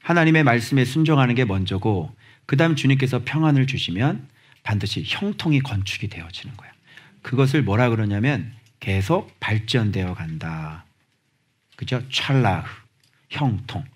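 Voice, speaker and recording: Pastor, male, husky, lively swooping pitch, fiery church sermon delivery with acted-out dialogue. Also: normal speed. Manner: animated, shouting exhortations at the congregation; acts out little dialogues in different voices. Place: church sanctuary.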